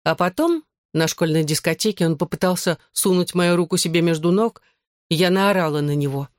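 A reader voicing a skittish, quick-tempered teenage girl in an audiobook, with high excitable outbursts. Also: dry recording, studio quality, close to an everyday voice. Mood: flustered. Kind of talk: audiobook character voice.

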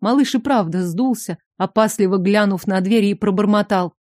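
Mellow-voiced woman narrating an audiobook. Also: medium pitch, moderate pace, dry recording, clean studio sound. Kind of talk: first-person audiobook narration.

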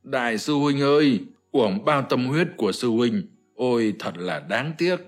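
A man's voice: medium pitch, expressive, unhurried, faint music behind. A man voicing a loyal general who laments his dead king in a mournful voice, in an audiobook. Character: loyal grief-struck envoy general.

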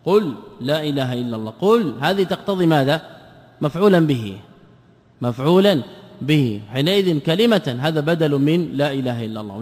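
A man's voice: a little high, a little mellow. A man, a sheikh, giving a classroom lesson, explaining points by asking and answering his own questions. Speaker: sheikh teaching a text. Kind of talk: classroom lesson on creed and grammar. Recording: long hall reverb.

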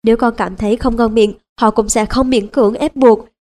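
Woman, audiobook narrator, measured reading, fairly high pitch, mellow tone. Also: steady tone. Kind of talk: scripted narration.

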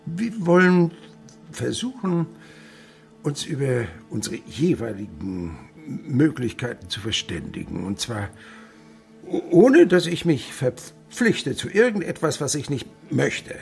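An actor playing a stingy old wine merchant in a radio play, who stammers, talks slyly and sinks into whispers. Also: male voice, mid-range voice, big pitch swings, slow pace, vocal fry, soft background music, exaggerated voice. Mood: scheming. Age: older. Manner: sly, stammering, drops to whispers.

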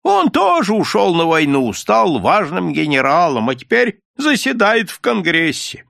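A man voicing an elderly male villager with a thin, raspy voice, telling the news loudly and with emphasis. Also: sits high, wildly swooping pitch, a little slow, no room sound, studio quality, voice pushed up, exaggerated voice. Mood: emphatic.

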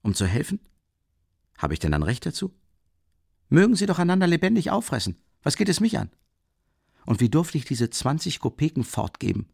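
A man's voice: a little high, big pitch swings, fairly quick, gravelly, long pauses, a little mellow, breathy edge, no room sound, studio quality, voice pushed up, heavily acted. A man reading a novel aloud, voicing a tormented young male student who swings between outbursts and bitter brooding. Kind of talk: audiobook character voice.

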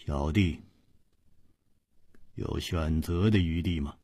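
Man playing a composed hero swordsman, low quiet voice, unhurried, husky. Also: no room sound, exaggerated voice. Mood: calm. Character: calm unflappable male hero swordsman.

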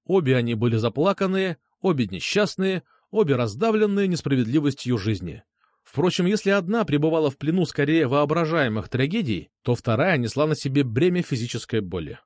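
A man narrates an audiobook with an expressive, dramatic delivery. His intonation rises and falls in a lively way, and his voice sits somewhat high for a man. The recording is dry and close. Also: brisk, no echo.

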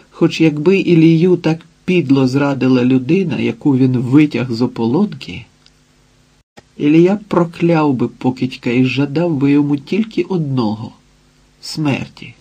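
A man narrating a literary audiobook in a measured way, with dramatic pauses. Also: medium pitch, dark tone, slightly rough, highs cut off.

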